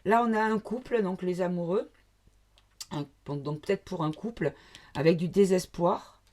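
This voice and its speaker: A woman's voice: lowish voice, moderate pace, a little mellow. A woman from the south of France doing a casual card reading to camera, thinking aloud with many fillers and asides. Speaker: card reader.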